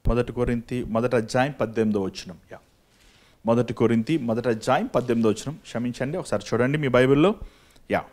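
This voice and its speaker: A male evangelist preaching a sermon with passion, firing rhetorical questions and swinging from low asides to loud, emphatic calls. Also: fairly quick. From India. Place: church or prayer meeting.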